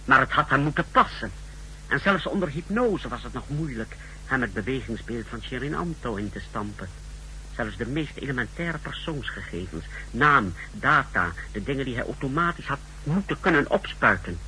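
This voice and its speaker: A secret service technician with a sharp, mid-range voice briefs his superior in a clinical, formal manner, explaining precisely at a moderate pace with lively intonation. It's 1960s radio drama acting, and the recording is noisy and humming.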